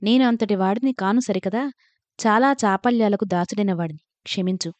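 A woman's voice: medium pitch, moderate pace, darkish tone, dry recording, close to an everyday voice. A woman reading the lines of a weary, remorseful older scholar father, grave and pleading. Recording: dull lo-fi recording.

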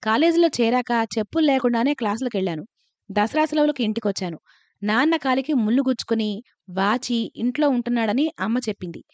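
A woman reading a first-person story aloud in a calm, measured narration. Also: fairly high pitch, no echo.

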